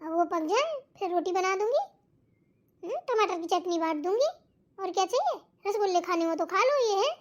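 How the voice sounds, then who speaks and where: A woman's voice: very high-pitched, expressive, moderate pace. A woman voicing a chatty young daughter-in-law in a cartoon who talks straight to viewers. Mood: plain. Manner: chatty, addresses viewers directly. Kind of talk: cartoon voice acting.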